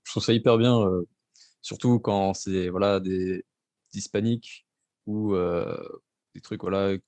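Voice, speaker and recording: A man interviewing a guest in a casual, hesitant, halting way. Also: deep voice, fairly even intonation, a little mellow, no echo.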